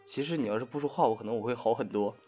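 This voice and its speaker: A man chatting in a voice room, grumbling in a dry, deadpan way. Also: mid-range voice, very fast, highs cut off, faint music behind. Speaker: voice chat participant. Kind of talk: casual game chat.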